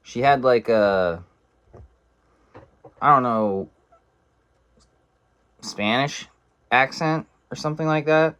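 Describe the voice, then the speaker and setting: A man's voice: mid-range voice, takes it slowly, pauses often, fairly bright tone, clean tone, highs cut off. A young man telling a casual story in a blunt, profane, rambling way.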